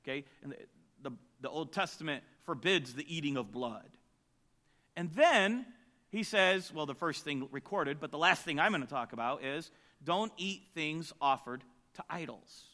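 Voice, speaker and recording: Male preacher, bright and slightly high voice, conversational Bible teacher who keeps asking the room questions. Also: animated, normal speed. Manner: conversational, asks the audience questions.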